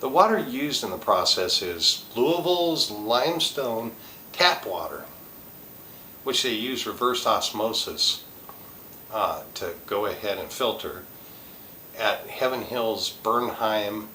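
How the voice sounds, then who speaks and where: A man's voice: lowish voice, expressive, slow, bright, forceful tone, reverberant, far from the mic, slight background noise, low-quality recording. A man hosting a show, reading out a scripted product review with tasting notes in a listing delivery. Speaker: host.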